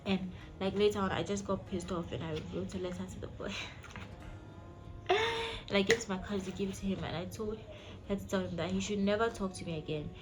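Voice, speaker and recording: A woman's voice: medium pitch, fairly even intonation, fast talker. A woman vlog host telling a personal story casually and emphatically, speaking directly to her listeners. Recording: background music behind the voice. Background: music.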